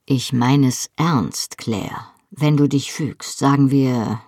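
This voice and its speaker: A reader voicing a young Scottish husband who talks bluntly, sternly and mockingly. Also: male voice, medium pitch, slow, a little mellow, no room sound, studio quality.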